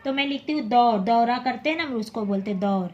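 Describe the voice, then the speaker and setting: A woman teaching a class, reading syllables aloud one by one in a patient, clear drill and quickly correcting her own slips. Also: a little high, a little mellow, muffled recording. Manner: addresses students as children.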